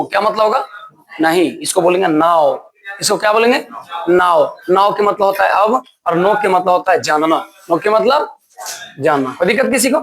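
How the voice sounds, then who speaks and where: A man's voice: high voice, creaky, a bit bright. A man teaching English grammar to a class, often asking a question and answering it himself. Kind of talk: classroom lesson.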